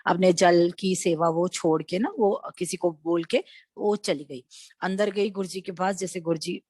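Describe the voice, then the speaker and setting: A woman retelling a devotional experience in a lively storytelling way, mixing in English phrases. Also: fairly low pitch, a little slow, breathy edge, no echo. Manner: lively anecdotal retelling, acting out quoted voices; switches between Hindi and English mid-sentence. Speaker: devotee sharing a personal experience. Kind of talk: satsang storytelling.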